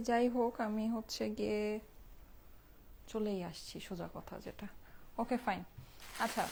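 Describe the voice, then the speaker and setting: A young woman with a Bangladeshi Bengali accent hosting a late-night live stream from home, chatting softly and reading out viewer comments as she shows off dresses. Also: fairly high pitch, gravelly, background noise. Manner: chatty, reads viewer comments aloud, keeps talking softly. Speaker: online clothing seller.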